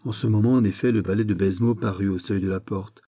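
Man reading a classic novel, dark voice. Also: on the low side, fairly even intonation, quick pace. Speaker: audiobook reader. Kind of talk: literary audiobook narration.

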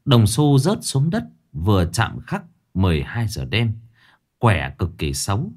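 Lively male ghost story narrator. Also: on the low side, measured pace. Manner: expressive storytelling.

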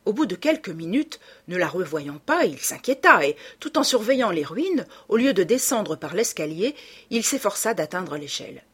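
A woman reading a novel aloud as scripted narration, with dramatic, lively storytelling. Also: medium pitch, normal speed, husky. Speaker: audiobook reader.

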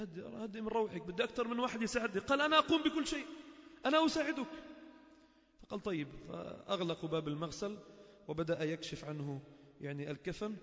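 A man's voice: high-pitched, a bit bright. A man preaching a sermon in a mosque, telling stories with feeling and acting out the characters' speech. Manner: emotive storytelling that voices each character's speech. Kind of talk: sermon with storytelling. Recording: muffled, echoey mosque recording.

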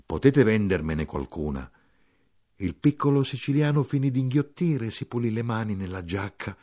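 Measured and expressive, a man reads a literary novel aloud as an audiobook narrator. His voice is mid-range.

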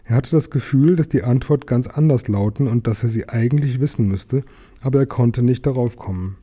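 Male audiobook narrator, deep-toned and warm, measured storybook delivery. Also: slightly rough. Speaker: audiobook reader.

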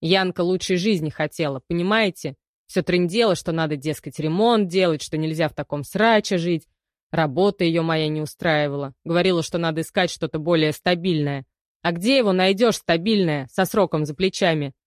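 Lady reading a sullen ex-con guy, loud and defensive, dry close sound. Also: on the low side, moderate pace, no room sound, close to an everyday voice. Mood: defiant protest. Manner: loud, protesting, grumbling. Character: male detained ex-convict, defensive, sullen.

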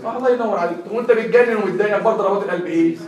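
A young Egyptian man lectures a class in a high, very fast voice, quizzing his students with a steady stream of questions. The audio is dull and echoey, picked up from far off with a crowd audible behind him.

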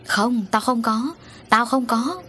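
A woman's voice: medium pitch, brisk, a little mellow, slight background noise, close to an everyday voice. A woman voicing a feverish older man who rambles and pleads in delirium, in a storybook reading. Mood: delirious.

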